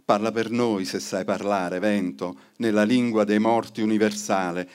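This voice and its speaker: A man's voice: fairly low pitch, fairly even intonation, normal speed, a little mellow, clear, resonant tone. A man reciting a poem at a live event with an incantatory, repeated refrain. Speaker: poetry reader. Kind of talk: poetry recitation with chorus. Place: event hall.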